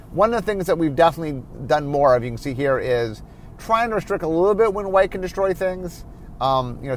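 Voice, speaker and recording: Man, card game designer, tired, explanatory solo monologue, mid pitch, faint vehicle noise behind. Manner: explanatory, self-correcting, many fillers. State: tired, yawning.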